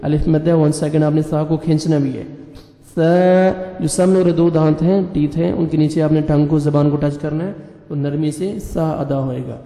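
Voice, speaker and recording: A man teaching Quran reading. He spells out letters and vowel marks one by one, then recites each word slowly in a drawn-out chant. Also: on the high side, steady tone, mellow. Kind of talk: slow spelled-out recitation lesson. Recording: echoey room with long reverb.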